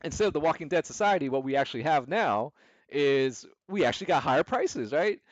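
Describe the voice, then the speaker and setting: A man's voice: a little high, animated, a little fast, no room sound. A man hosting an investment club stream in casual, rambling talk. He often repeats himself and acts out panicky traders. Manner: rambling, repetitive, restarts often, acts out quoted emotional traders. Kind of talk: casual livestream market commentary. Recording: dry, slightly dull home mic sound.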